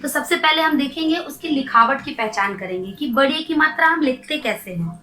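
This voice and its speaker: Bright high-voiced woman teaching slowly. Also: animated, echoey room, poor audio. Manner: slow, drawn-out syllables, asks and answers her own questions. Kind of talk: children's Hindi grammar lesson.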